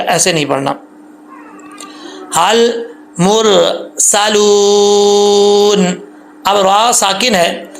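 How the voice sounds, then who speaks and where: Guy teaching quran tajweed, kinda gravelly, faint hiss behind. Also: high voice. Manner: patient, repeats points, drawls recited syllables. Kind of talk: tajweed lesson with slow recited examples.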